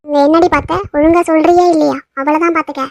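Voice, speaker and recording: A woman voicing a scheming, sharp-tongued elderly mother-in-law in a cartoon, scolding and nagging. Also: high voice, fairly even intonation, quick pace, creaky, dry recording.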